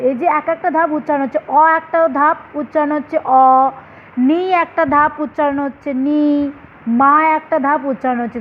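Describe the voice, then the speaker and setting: A woman teacher with a Bengali accent giving a primary school lesson, explaining patiently and repeating each point back as a question to her students. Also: high voice. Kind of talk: online class lesson. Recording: dull lo-fi recording with faint noise.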